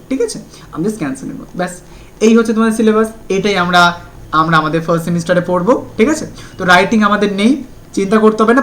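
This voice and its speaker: ধীরে ইংরেজি পড়ে বাংলায় বোঝানো শিক্ষক. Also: male voice, a little high, a bit bright, a little hiss or hum. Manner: explains in Bengali, reads English syllabus slowly, often asks "ঠিক আছে?". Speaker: teacher. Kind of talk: online class lecture.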